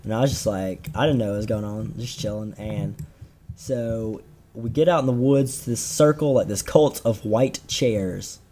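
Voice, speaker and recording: A man's voice: lowish voice, moderate pace, mellow, a little hiss or hum. A teenage man telling a rambling, slangy story on a casual podcast, with lots of fillers and restarts. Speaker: podcast co-host.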